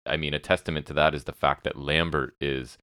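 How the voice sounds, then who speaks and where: Very deep-voiced sarcastic man. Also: fairly even intonation, fairly quick, bright, forceful tone, smooth, no echo, studio quality. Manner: sarcastic, opinionated commentary. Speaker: podcast co-host. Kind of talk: casual wrestling chat.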